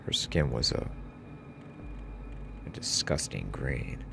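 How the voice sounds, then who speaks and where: Male horror storyteller, extremely deep and gravelly, halting, hushed whispers. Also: expressive, noisy background. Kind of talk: first-person horror story narration.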